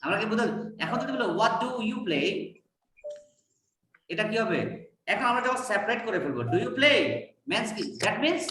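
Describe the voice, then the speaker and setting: A man's voice: high-pitched, expressive, moderate pace, pushed and bright. A man with a Bengali accent teaching a spoken English class over a video call, patiently repeating and modeling sentences. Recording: echoey, distant, lightly noisy call audio.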